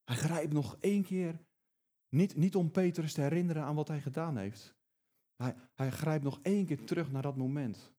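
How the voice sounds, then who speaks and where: A man's voice: fairly high pitch, moderate pace, mellow. A man preaching a sermon, emphatic and often repeating words as he builds his points.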